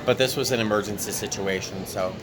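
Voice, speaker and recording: A man's voice: fairly low pitch, fairly quick. Tired man vlogging in a noisy airport. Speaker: flight attendant vlogger. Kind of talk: casual vlog chat to camera. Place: busy airport terminal. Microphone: handheld camera at arm's length. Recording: clear airport background noise.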